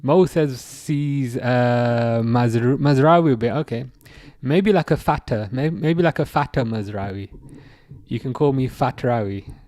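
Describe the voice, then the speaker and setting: Speaking at a middle pitch, a little slowly and with a slightly mellow tone, a young man from England runs a casual football livestream from home. He reads out viewer messages and rambles, repeating words and restarting often, and the mic sound is dry and close with no echo.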